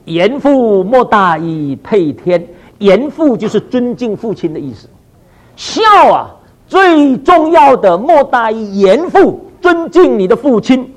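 A male preacher with a strikingly high voice that swings widely in pitch as he delivers a sermon. He keeps firing rhetorical questions at his congregation and drops in short English phrases. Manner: animated, full of rhetorical questions to the listeners.

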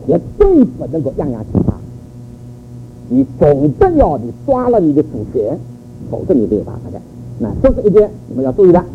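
Older male church speaker, high and animated, storytelling sermon, narrow phone-quality recording. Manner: animated storytelling with rhetorical questions. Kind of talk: sermon on child-rearing. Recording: phone-like narrow audio with faint noise.

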